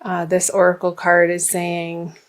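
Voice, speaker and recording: A woman reads tarot cards aloud in a gentle, reflective way, her somewhat low voice a little hoarse. She clears her throat now and then while reading guidance text. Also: completely flat delivery, a little slow. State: slightly hoarse, losing her voice. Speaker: tarot reader.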